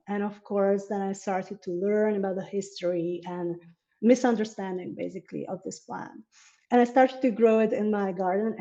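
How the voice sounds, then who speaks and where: A woman speaks English in a mellow, relaxed voice as an earnest interview guest who laughs often. The audio is somewhat dull and muffled, as if from a modest microphone. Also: mid-range voice. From Slovakia. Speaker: herb farmer and interview guest. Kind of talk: casual interview over video.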